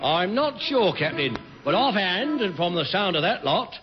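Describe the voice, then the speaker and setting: A man's voice: high-pitched, very animated, moderate pace. An actor playing an indignant working-class dockyard man in a radio sitcom, protesting in ungrammatical talk. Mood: aggrieved. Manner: ungrammatical, protesting, comic malapropisms. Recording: dull, noisy old radio recording.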